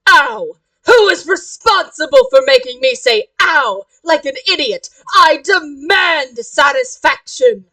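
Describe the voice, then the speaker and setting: A woman's voice: fairly high pitch, animated, a little slow, sharp tone, no echo, recorded from a distance, exaggerated voice, rough recording. A woman voicing a short-tempered monster student who speaks in an indignant, threatening way.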